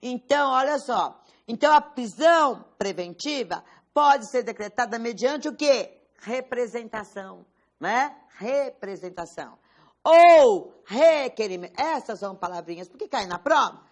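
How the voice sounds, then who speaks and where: A woman's voice: a little high, lively intonation, moderate pace. Woman teacher quizzing her students. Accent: Brazilian Portuguese. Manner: quizzing students with rhetorical questions, stressing key words. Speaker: law course teacher. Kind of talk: classroom lecture.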